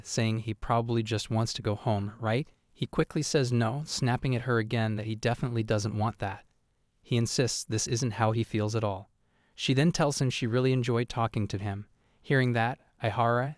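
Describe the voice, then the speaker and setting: A man narrating a manga recap in an even, steady, scripted third-person retelling. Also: mid-range voice, dry recording, clean studio sound.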